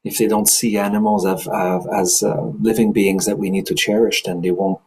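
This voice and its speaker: A man leading an online study discussion, speaking in a thoughtful, measured way. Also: on the low side, flat delivery, a little mellow, rough recording. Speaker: discussion leader.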